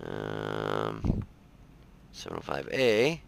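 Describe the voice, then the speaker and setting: Brief: tired man narrating game footage, deep gravelly voice, folksy and rambling. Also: huge pitch swings, very slow, a little hiss or hum, low-quality recording. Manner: rambling, filler-heavy, folksy. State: tired, yawning. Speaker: game reviewer. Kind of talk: casual gameplay commentary.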